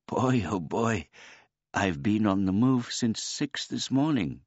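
A man voicing a simple, gentle old man who speaks of himself in the third person in a meek, courteous way. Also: lowish voice, lively intonation, slow, no room sound, lo-fi sound, pitched above the performer's own voice. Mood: earnest.

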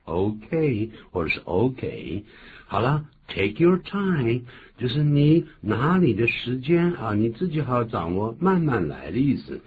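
A man co-hosting a bilingual radio English lesson, explaining phrases in a lively way and acting out short quotes. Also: mid-range voice, a little slow. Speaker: English teacher co-host. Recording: phone-like lo-fi with faint hiss.

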